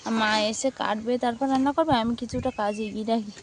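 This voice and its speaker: A hoarse woman vlogging her village life outdoors, chatting and asking her family questions as she goes. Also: a little high, fairly even intonation, fast, a little hiss or hum. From Bengal. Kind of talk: casual narration of daily life.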